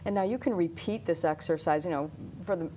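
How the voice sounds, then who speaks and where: A woman guiding a visualization exercise in a slow, soothing, even voice, then chatting about hypnosis in a studio. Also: on the low side, a little hiss or hum. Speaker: hypnotherapist guest. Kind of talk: guided visualization then casual chat.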